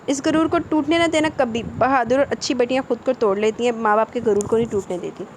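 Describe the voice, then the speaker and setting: A tender old father, slow to speak and soft with his children, as a woman narrator puts him on. The voice stays hushed and fairly high. A faint traffic murmur sits underneath. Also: lightly acted. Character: stern grieving old father.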